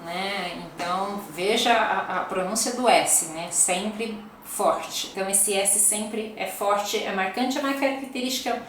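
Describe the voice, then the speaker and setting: A woman's voice: mid-range voice, a little slow, few pauses, fairly bright tone. A Brazilian woman teaching Portuguese, explaining accents patiently and often asking "né?" to check in. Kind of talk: explaining accents in a video lesson. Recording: very echoey room with faint noise.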